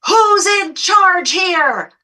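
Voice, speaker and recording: A woman storyteller voicing an irate mother who shrieks her complaints slowly and indignantly. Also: sharp tone, slightly rough, heavily acted. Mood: shrieking. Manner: shrill, slow, indignant.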